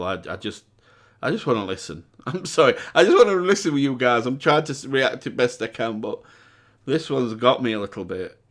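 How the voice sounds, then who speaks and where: A man hosts a music reaction video, his voice croaky and hoarse from a cold. His commentary is casual and excitable, jumping into high exclamations and sung demonstrations.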